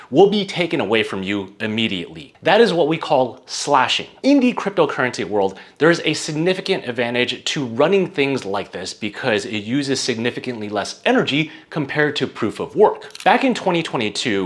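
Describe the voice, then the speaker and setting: A man narrating a scripted explainer as its presenter, laying things out simply, step by step, with emphatic phrasing. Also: medium pitch.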